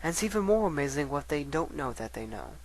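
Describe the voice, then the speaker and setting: Bookish, scatterbrained lady unicorn read by a man, higher male register, earnest storytelling from a letter. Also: sing-song, fast. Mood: animated, enthusiastic. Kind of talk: dramatic reading of letters.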